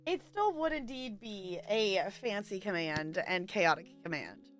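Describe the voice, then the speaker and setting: Unhurried yet animated, a woman with a mid-range, slightly bright voice chats casually with her livestream viewers. She rambles and thinks aloud over soft background music.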